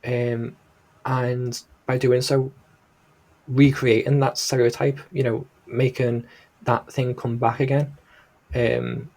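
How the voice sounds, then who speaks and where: Husky Scouse man giving casual opinions. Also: mid-range voice, animated, slow pace, a little mellow. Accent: Liverpool Scouse. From Liverpool, England. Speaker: reaction video host.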